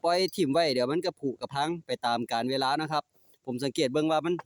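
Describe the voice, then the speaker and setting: Working out in his home yard, a DIY vlogger narrates casually in a fast, fairly high-pitched voice, with a faint hiss or hum on the recording. He has an Isan (Northeastern Thai) accent and an easygoing, chatty manner, adding polite particles and speaking to his dogs.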